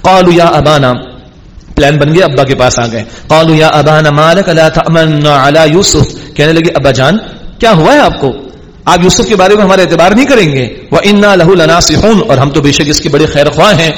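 Higher-voiced male scholar in a reverberant hall. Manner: recites verses slowly, then explains them with lively asides and humor. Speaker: Islamic scholar and Quran teacher. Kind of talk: Ramadan Quran commentary lesson. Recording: long reverb of a large hall.

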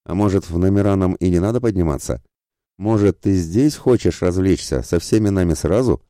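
A man's voice: low voice, fairly quick, warm tone, no room sound, studio quality, voice pushed up, lightly acted. A man voicing a crude, leering bandit of about thirty in an audiobook, mocking and lewd.

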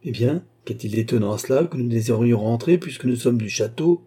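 A man with a husky voice reading a bold, commanding young prince in a period novel audiobook. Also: mid-range voice, animated, brisk, warm tone. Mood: haughty.

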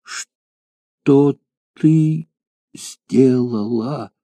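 A man voicing a dying young warrior who speaks faintly and slowly, his words fading. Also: fairly low pitch, very animated, warm tone, dry recording, studio quality, heavily acted. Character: dying young male warrior, weak and tender.

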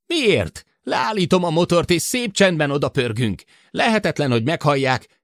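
Guy reading as a cocky chopper pilot, pitched way up, loud, dry sound. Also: lively intonation, no room sound. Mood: defiant.

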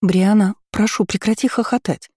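Woman doing a squealing excitable young princess. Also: medium pitch, slightly rough, dry recording, studio quality, voice pushed up, close to an everyday voice. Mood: excited. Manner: exclaiming, squealing, talking fast.

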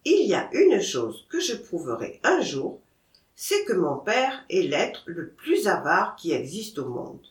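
A woman's voice: on the low side, wildly swooping pitch, takes it slowly, roomy sound, exaggerated voice. A woman reading the lines of a teasing young man who gleefully mocks his father, in an audiobook.

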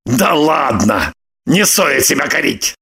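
Man reading a husky, weary man. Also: sits high, expressive, measured pace, a bit bright, full character voice. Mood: tired defensive. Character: weary stubborn middle-aged man, defensive.

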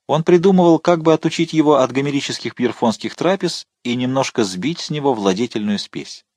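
A man narrating a novel as an audiobook, in a measured, expressive reading. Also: mid-range voice, no room sound, studio quality.

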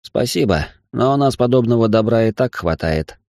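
A man's voice: medium pitch, animated, moderate pace, a little mellow, no room sound, studio quality, voice pushed up, natural voice. A man voicing a polite male negotiator making a persuasive offer in an audiobook reading. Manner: courteous, persuasive.

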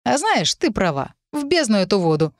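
A woman's voice: medium pitch, big pitch swings, moderate pace, no echo, clean studio sound, voice pushed up. A woman reading an audiobook voices a brusque young man student who teases and gives curt orders. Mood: mocking. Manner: curt, teasing, commanding.

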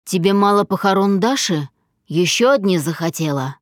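A woman's voice: medium pitch, expressive, moderate pace, no room sound, clean studio sound, close to an everyday voice. A woman voicing a domineering, jealous husband who speaks harshly and in clipped phrases. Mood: menacing.

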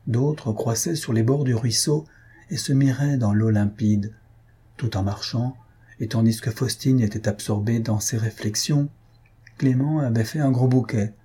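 Man narrating an old novel, really husky, dark mellow tone. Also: mid-range voice, fairly even intonation, a little slow. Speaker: audiobook reader. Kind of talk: scripted audiobook narration.

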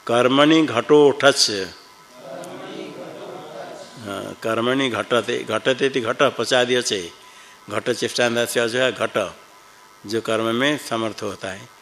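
A man teaching Sanskrit grammar in a class, reciting rules slowly and patiently quizzing his students. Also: mid-range voice, fairly even intonation, gravelly, fairly bright tone, soft background music, rough recording.

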